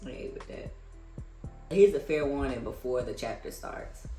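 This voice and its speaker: In a mellow, mid-range voice at normal speed, an American reader hosts a read-aloud and offers casual asides between passages. The room echoes, faint music sits behind, and the audio is poor.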